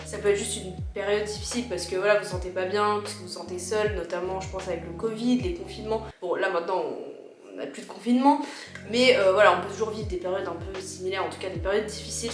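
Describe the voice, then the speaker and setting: A woman with a slightly worn voice, explaining personal advice informally and chattily to her viewers. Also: medium pitch. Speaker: video creator giving personal advice. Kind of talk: casual advice vlog, chatty. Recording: roomy echo with music behind.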